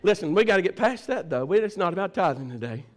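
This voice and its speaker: High-voiced fervent preacher man. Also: expressive, quick pace. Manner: fervent preaching, calls out to the congregation; swings between shouting and hushed low talk. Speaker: pastor. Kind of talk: sermon. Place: church service.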